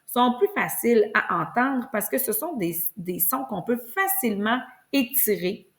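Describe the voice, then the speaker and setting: A woman's voice: fairly high pitch, big pitch swings, a little slow. A woman preschool teacher, patiently explaining to parents and stretching out sounds in words to demonstrate them. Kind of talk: instructional video for parents.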